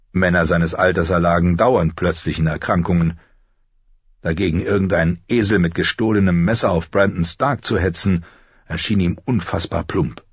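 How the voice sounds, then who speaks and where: A man narrating a fantasy audiobook in a measured, even storytelling manner. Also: low voice, slightly rough, no room sound, highs cut off.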